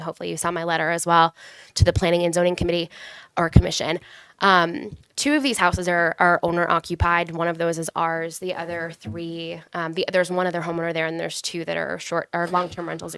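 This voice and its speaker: A woman with a cold, sounding stuffy, giving an earnest, fast public comment at a city council meeting. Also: lowish voice, fairly bright tone, smooth, dry recording. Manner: earnest, quick, organized with many restarts.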